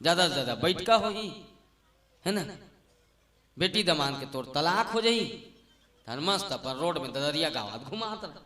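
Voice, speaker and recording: A man with a Chhattisgarhi accent giving a devotional discourse, animated and folksy, often asking listeners rhetorical questions. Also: on the high side, normal speed, pauses often, roomy sound. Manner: stretches and repeats phrases for emphasis. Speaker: Ramayan troupe expounder.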